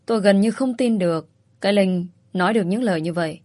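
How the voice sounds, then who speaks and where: A woman narrating a first-person story in a steady, measured reading. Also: medium pitch, dry recording.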